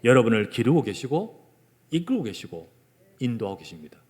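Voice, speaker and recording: A male pastor with a Gyeongsang Korean accent preaching a sermon in a church, moving between loud emphasis and hushed whispers. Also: mid-range voice, big pitch swings, a little fast. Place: church sanctuary. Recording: long church hall reverb.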